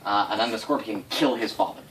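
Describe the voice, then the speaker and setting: Talking fast in a lowish voice, this man improvises the history of a game world for his players, cursing liberally and hitting words hard for drama. He's picked up from far away amid noisy room ambience.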